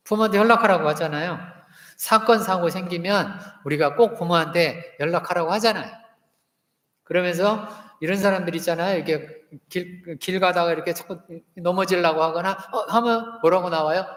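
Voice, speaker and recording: A man's voice: a little high, a bit bright. Man preaching in an echoey church. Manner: asks the congregation questions and has them repeat lines. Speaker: pastor. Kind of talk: sermon. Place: church sanctuary. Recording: echoey hall with long reverb.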